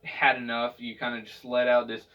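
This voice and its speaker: A man teaches in a loose, casual tutorial style, with a mid-pitched voice. He rambles a little, hesitating and circling back over his phrases. The recording is dull and he sounds some way from the microphone. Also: completely flat delivery, moderate pace, recorded from a distance. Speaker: vocal technique instructor.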